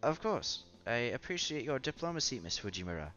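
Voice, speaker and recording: A man's voice: mid-range voice, sing-song, a little fast, a bit bright. A man voicing a poised, polite teenage boy with a formal, gracious way of speaking. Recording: slightly dull with music behind.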